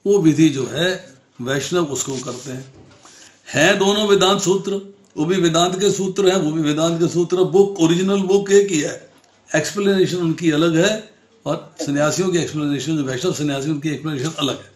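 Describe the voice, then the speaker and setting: A man's voice: on the high side, roomy sound. A man teaching a scripture class, explaining with simple examples, questioning his students and mixing English words into Hindi. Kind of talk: scripture lesson.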